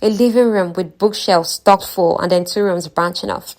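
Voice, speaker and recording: A woman's voice: on the low side, moderate pace, darkish tone. A woman casually retelling a fantasy novel's story, chatting to her listeners with offhand asides. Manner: chatty, conversational, talks to listeners. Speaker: book recap narrator.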